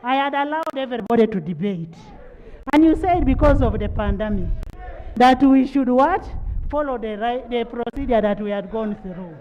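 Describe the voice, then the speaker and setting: A parliamentary speaker with a Ugandan accent, formally chairing debate in an authoritative, deliberate manner. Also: mid-range voice, darkish tone, dull audio. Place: large parliament chamber.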